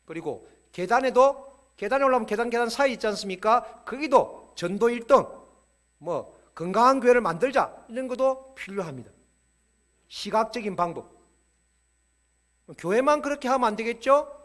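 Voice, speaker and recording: A man giving a playful, animated sermon-style lecture to a church audience. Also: very high-pitched, moderate pace.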